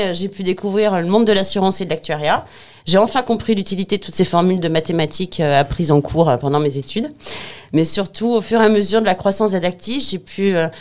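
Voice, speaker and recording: A woman's voice: mid-range voice, darkish tone. A woman in her forties, a guest in a podcast interview, speaking fluently but with frequent filler hesitations. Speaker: guest, head of business development. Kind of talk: interview answers.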